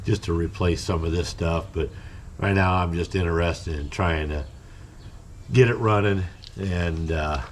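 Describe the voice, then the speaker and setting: A deep-voiced man talks his way through a repair job in his garage, plain-spoken and rambling, stopping and restarting as he works. A faint hiss of noise sits under his voice. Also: unhurried. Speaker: hobby mechanic and channel host. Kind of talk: casual narration while working on a car. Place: home garage.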